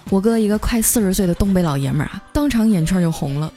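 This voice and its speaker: A woman tells a comic story in a chatty, lively way, drawing out her particles. Her voice sits at a medium pitch. Soft music plays under her. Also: fast talker. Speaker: radio story host.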